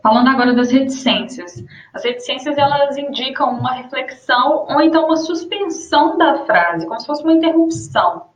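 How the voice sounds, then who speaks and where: A young Brazilian woman teaching a grammar lesson, explaining rules and slowing down to read out her examples. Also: high-pitched, lively intonation. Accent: Brazilian Portuguese. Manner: explains with spoken examples, slows to dictate punctuation. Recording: roomy muffled lo-fi room sound.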